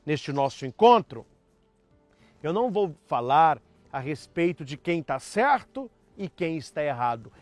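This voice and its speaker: A priest delivers an emphatic, teacherly talk on marriage. His voice is high and very lively in pitch. Faint music plays underneath. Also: no room sound.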